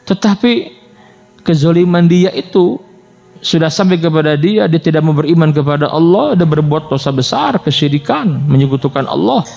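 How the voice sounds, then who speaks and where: A man preaching and telling a story in an animated way, often addressing his listeners directly. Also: fairly high pitch, normal speed, vocal fry, soft background music. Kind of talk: sermon with storytelling.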